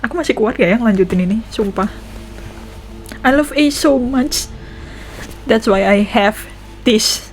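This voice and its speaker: With a fairly high voice at normal speed and long pauses, a young Indonesian woman does casual gaming reaction commentary in an Indonesian accent. She's chatty, thinks aloud, and switches languages as she goes. Faint music plays behind her.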